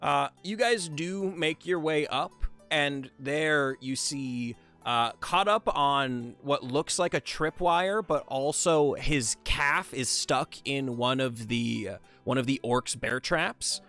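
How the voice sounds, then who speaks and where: A man narrating a tabletop game as game master, relaxed and rambling with many fillers. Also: medium pitch, slow, few pauses, soft background music.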